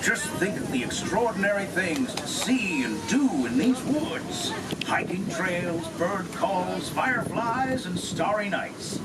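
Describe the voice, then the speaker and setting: A man voicing a cheerful, folksy old-time train conductor in theme park ride narration, heard through an outdoor loudspeaker. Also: sits high, heavy background noise. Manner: folksy frontier drawl, storybook cheer. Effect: recorded narration over outdoor train loudspeakers. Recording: distant loudspeaker with loud music.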